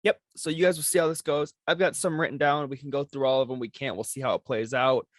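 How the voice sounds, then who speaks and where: A man's voice: mid-range voice, fairly even intonation, quick pace, no room sound. A man co-hosting a casual podcast, leading the segment in an easygoing, chuckling way. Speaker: podcast co-host. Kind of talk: casual chat.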